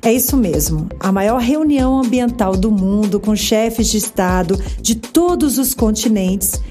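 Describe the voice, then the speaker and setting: A woman's voice: mid-range voice, lively intonation, unhurried, dark tone, faint music behind. A Brazilian woman hosting a news podcast, reading scripted links between clips. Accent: Brazilian Portuguese. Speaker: news host.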